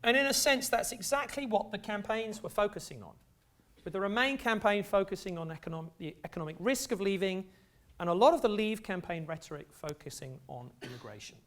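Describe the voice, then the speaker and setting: A middle-aged man with an English accent lectures in a lecture hall. His voice sits high for a man, and he keeps a loose, conversational manner with dry little asides. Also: animated, a little fast, fairly bright tone. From England. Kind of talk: academic lecture.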